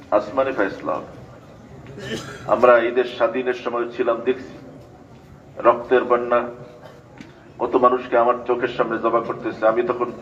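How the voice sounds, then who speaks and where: A man's voice: mid-range voice, a bit bright. An older man from Bangladesh giving a sermon, telling stories and chanting invocations. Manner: storytelling preaching with chanted invocations. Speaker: preacher. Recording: dull lo-fi recording.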